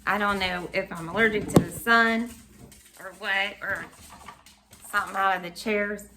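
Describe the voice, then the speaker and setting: Hoarse chatty woman vlogging. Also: mid-range voice, steady tone, normal speed, pushed and bright, a little hiss or hum. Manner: rambling, chatty, laughs often. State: losing her voice, frogging. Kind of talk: casual home vlog chat. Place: home kitchen.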